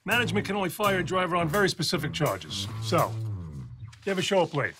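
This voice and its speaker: An actor playing a brisk male lawyer questioning a driver in a film scene. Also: high voice, very animated, over music. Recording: film soundtrack over loud score.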